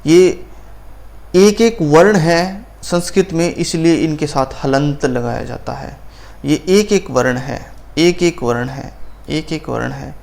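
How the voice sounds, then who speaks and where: A man's voice: a little high, creaky, a little mellow. A man teaching pronunciation in a patient lesson, drawing out sounds and repeating them for practice.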